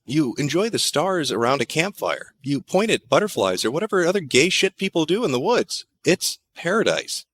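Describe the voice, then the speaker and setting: Man, sardonic horror narration, slightly high voice, animated delivery, crude asides. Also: dry recording.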